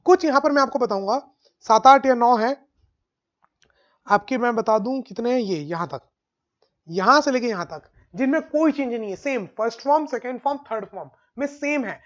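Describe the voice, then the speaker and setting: A male teacher giving an online exam-prep lesson, drilling word forms in a steady rhythm and often checking that students follow. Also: extremely high pitch, dull audio.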